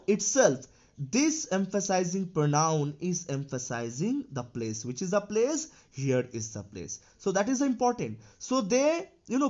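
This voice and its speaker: Man as a grammar teacher, very animated pitch, dull lo-fi recording, poses questions and answers them himself. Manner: explains step by step, asks and answers his own questions, says "you know" often. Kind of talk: classroom grammar lesson.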